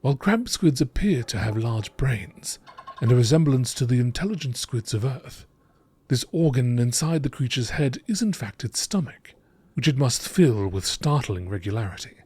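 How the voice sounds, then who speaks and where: Medium in pitch and expressive, this male narrator reads scripted game lore at a moderate pace with a somewhat dark tone, evoking a nature documentary. Noisy background ambience is clearly audible.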